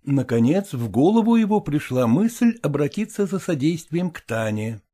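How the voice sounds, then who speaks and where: A man narrating an audiobook in a measured, even way. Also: fairly high pitch.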